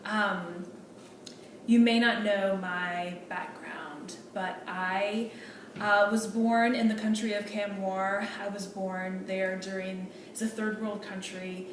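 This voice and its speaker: A woman's voice: medium pitch, steady tone, slow, natural voice. A woman playing a hesitant, earnest medical student. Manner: polite, hesitant, with many fillers and restarts. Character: earnest female medical student pleading for accommodations. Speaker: student in a meeting role-play. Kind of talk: role-play meeting. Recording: echoey room, distant mic, noisy.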